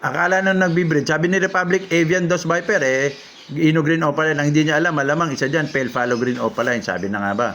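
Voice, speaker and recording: A man's voice: fairly high pitch, steady tone, fast talker, fairly bright tone, slight background noise. Man chatting about lovebird breeding. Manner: reads out commenters' names and messages, then reacts. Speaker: lovebird breeder reading viewer comments. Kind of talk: casual livestream chat.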